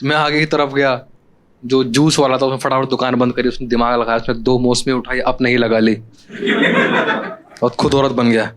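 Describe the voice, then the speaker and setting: A young man performs stand-up comedy, telling a story casually and conversationally straight to the audience. His voice is medium-pitched with little pitch movement, and he keeps a moderate pace. Background noise is clearly audible in the recording.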